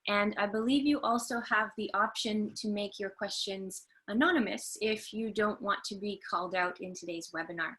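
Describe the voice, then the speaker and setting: A woman's voice: mid-range voice, moderate pace, hardly any pauses, fairly bright tone. A woman from Canada hosting a video-call webinar interview, polite and a little hesitant with frequent fillers. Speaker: host and trainer.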